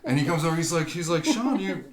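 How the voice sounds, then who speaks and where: A man's voice: fairly high pitch, fairly even intonation, rapid-fire. A young man, a podcast guest, telling a funny story in casual chat, cursing freely and laughing as he goes.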